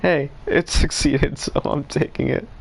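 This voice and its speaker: Slow, gravelly male streamer. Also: fairly high pitch, steady tone, a little hiss or hum. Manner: laid-back, laughing, cussing. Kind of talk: casual gameplay commentary.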